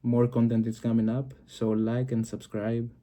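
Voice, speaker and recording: This man from Greece hosts a reflective solo video to camera, his Greek accent coming through a mid-range, dark voice that stays level at a moderate pace. Words don't come easily, so fillers and restarts are frequent.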